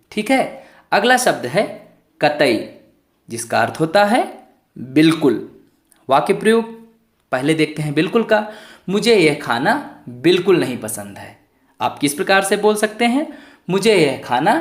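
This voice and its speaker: A male tutor teaches young pupils in an online lesson, his pitch swinging up and down as he goes. He poses questions to the class and answers them himself, slowly sounding out each word letter by letter. His voice rings in an echoey room.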